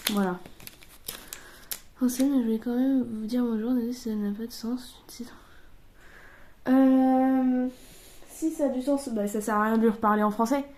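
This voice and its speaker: A young woman streaming from a table at home, chatting casually while opening card packs and slipping into halting English. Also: a little high, warm tone, slight background noise. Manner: chatty, thinking aloud, switching into halting English.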